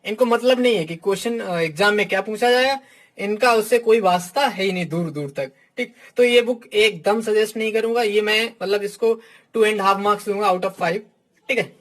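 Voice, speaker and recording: At a moderate pace, a man with a high, somewhat bright voice coaches exam students through a casual book review. He's blunt with his opinions, addresses listeners as "my dear," and drops a "ठीक" (theek) into almost every phrase.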